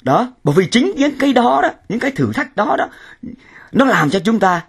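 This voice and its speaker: Husky, animated male preacher. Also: very high voice, moderate pace. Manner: emphatic, repeats words and rhetorical questions. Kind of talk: sermon.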